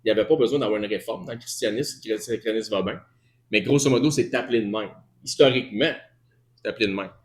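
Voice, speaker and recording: A man's voice: fairly low pitch, fast. A man with a Québécois accent giving a teaching sermon in a conversational way, often restarting and correcting himself and answering questions from the congregation. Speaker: preacher.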